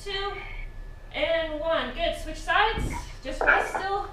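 A woman's voice: extremely high pitch, slow pace, pushed and bright, a little hiss or hum. A woman in her thirties leading a live workout class from a home garage gym, counting down and cheering her group on as she exercises. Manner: upbeat, counting down, cheerful encouragement with laughs. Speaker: fitness instructor. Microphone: far camera, exercising while talking. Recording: echoey room, voice from a distance.

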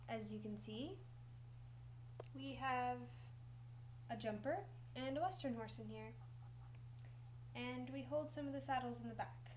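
A chatty young barn hand shows visitors around a toy stable in a doll video, voiced by a teen girl. The voice sits fairly high and talks in a hesitant, rambling way, pausing and correcting itself. A faint hum runs underneath. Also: close to an everyday voice, low-quality recording. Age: late teens. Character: young woman barn worker giving a tour. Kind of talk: doll video role-play narration. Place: home room, doll barn set.

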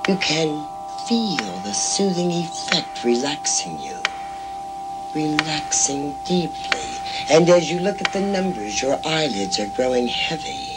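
An actor playing a persuasive hypnotist who slowly talks a man into a trance in a film scene. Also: a little high, big pitch swings, over loud music, poor audio. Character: smooth male hypnotist in an elevator. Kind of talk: film dialogue.

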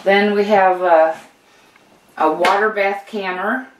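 An older American woman hosts a homesteading channel, chatting encouragingly through a casual how-to as she shows gear in her indoor home kitchen with steel counters, with plenty of fillers and restarts. Her medium-pitched voice is steady and slow. She's far and off-mic, with roomy echo and background noise.

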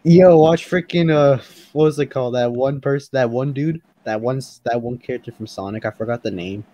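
A man's voice: mid-range voice, fairly quick, mellow, poor audio. Man in gaming voice chat, rambling, laughing, restarts sentences, faint background hiss. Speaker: voice chat role-player.

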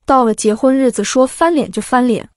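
A woman voicing a shrill, vulgar middle-aged mother who shrieks insults and wails theatrically. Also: brisk, no room sound, studio quality, lightly acted. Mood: screeching abuse. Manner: shrieking abuse, theatrical wailing.

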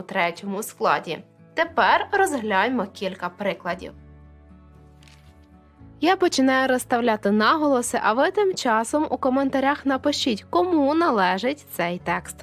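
Lady teacher walking students through poem meter, kinda high voice, soft music under it. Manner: clear explanatory, counts syllables aloud, addresses viewers directly. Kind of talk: video lesson on poetry meter.

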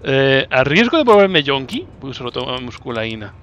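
A man from Spain, commentating a video game casually, teasing the enemy and breaking into excited shouts. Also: mid-range voice, moderate pace. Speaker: gameplay commentator. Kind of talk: casual let's-play commentary.

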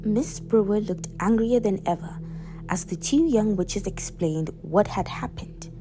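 A woman reading a children's story aloud in an expressive storybook style. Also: medium pitch, unhurried, music in the background.

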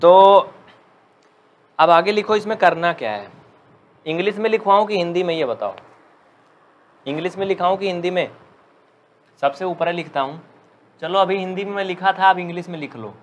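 A man teaching a live online maths class who jokes with students and dictates slowly. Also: high-pitched, slight background noise. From India. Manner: chatty, joking, dictates slowly.

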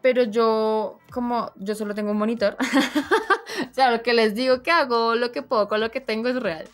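Young female streamer guest, expressive storyteller, bright higher register, light music bed. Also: normal speed. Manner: animated storyteller, voices her own reactions. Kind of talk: casual interview chat.

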